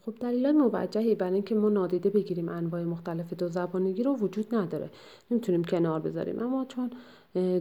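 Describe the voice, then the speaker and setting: A woman's voice: lowish voice, mellow. Hesitant woman explaining a textbook chapter. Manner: measured explanatory delivery with frequent hesitations and self-corrections. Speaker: lecturer. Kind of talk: lecture summarizing a textbook chapter.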